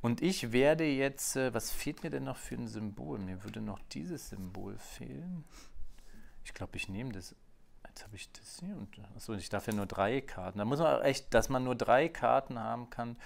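A man's voice: medium pitch, moderate pace, vocal fry. A man co-hosting a board game video, talking casually through his turn and counting cards under his breath. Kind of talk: casual let's play commentary.

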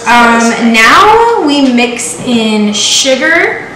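A woman's voice: on the high side, sing-song, drawn-out words. A young woman hosting a casual baking video in her home kitchen, joking and chatting in a bubbly, playful way, recorded by a camera set back from her. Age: young adult. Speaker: vlogger. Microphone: far camera. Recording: echoey kitchen with noise.

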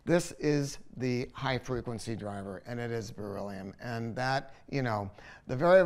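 In a home listening room, an older man with a medium-pitched voice reviews a product to camera. He's informal, conversational and opinionated, repeating words to drive his points home.

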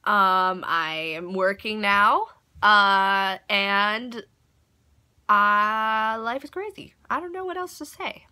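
A woman's voice: medium pitch, takes it slowly, pushed and bright, clean tone. A teenage girl vlogging in a chatty, apologetic way with lots of fillers. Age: teens. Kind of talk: casual chat.

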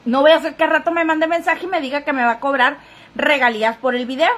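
High-voiced woman gossiping live. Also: steady tone, fast talker, fairly bright tone. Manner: chatty, talking straight to viewers. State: sniffly, runny nose. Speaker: live-stream gossip host. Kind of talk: casual chat reading viewer comments.

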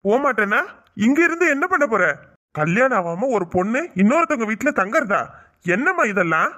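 A woman's voice: fairly high pitch, very animated, brisk, bright, forceful tone. A woman voicing an impatient village brother-in-law in a cartoon, scolding a headstrong young woman. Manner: scolding, exasperated. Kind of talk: cartoon voice acting.

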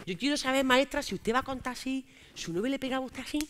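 A woman playing a cocky young Andalusian man from Jaén who heckles loudly from the audience, calling out to the teacher. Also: sits high, fast, noisy background, lightly acted. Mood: defiant. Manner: brash, indignant, keeps calling out "maestra". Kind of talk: stand-up character sketch on stage.

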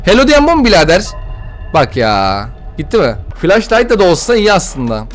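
A man's voice: high voice, huge pitch swings, normal speed, faint music behind. A young man giving slangy, jittery commentary while playing a horror game, often yelping and laughing when scared. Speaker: gameplay streamer.

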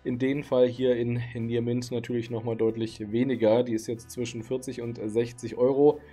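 Over soft background music, a man in his thirties talks about the card market to camera from his home streaming room. His medium-pitched, dark voice moves little in pitch and keeps a moderate pace, sounding weary at the late hour, while his laid-back chatter leans heavily on fillers.

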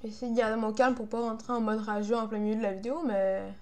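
A young woman with a Quebec French accent comments casually over her own gameplay. Her voice sits a little high. She sounds frustrated, grumbling and swearing about how the game is going. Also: little pitch movement, quick pace, darkish tone. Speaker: gamer, video creator.

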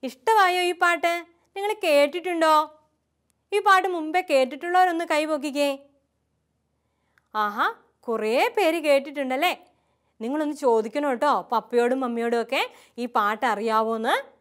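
A woman's voice: sits high, moderate pace, long pauses, fairly bright tone. A woman who is a nun, teaching a catechism lesson to young children in a sing-song, coaxing tone with a Kerala Malayalam accent.

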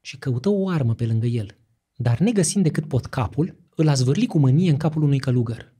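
A man's voice: medium pitch, animated, dark tone, slightly rough. A man narrating a historical novella as an audiobook, with dramatic storytelling. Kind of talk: scripted literary narration.

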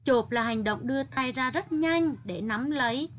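A Vietnamese woman teaching first graders to read, sounding out each word slowly and carefully. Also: high-pitched, a little hiss or hum. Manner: over-articulated, patient, sounding out each word. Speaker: primary school teacher. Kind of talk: slow, careful reading lesson for first graders.

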